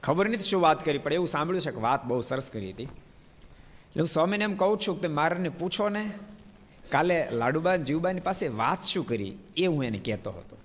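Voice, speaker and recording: Male religious speaker, lively storytelling sermon, slightly high voice, long hall reverb. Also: fairly quick. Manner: animated storyteller, addresses listeners by name.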